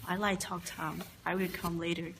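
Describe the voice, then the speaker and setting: A woman's voice: lowish voice, level tone, normal speed. A woman from Vietnam, an international student introducing herself in simple, plain sentences. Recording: recorded clip with clear background noise.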